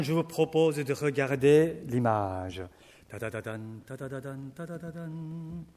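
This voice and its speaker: Slow-spoken preacher in a reverberant hall. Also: male voice, fairly high pitch, darkish tone. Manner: reads slowly, then comments with fillers and asides to the congregation. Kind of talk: scripture reading and sermon.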